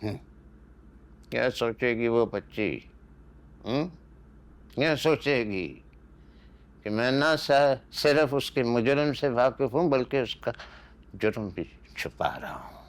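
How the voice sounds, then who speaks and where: An older actor with a Pakistani accent playing a guilt-ridden father who speaks in a slow, heavy, reproachful way. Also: mid-range voice, lightly acted. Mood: remorseful.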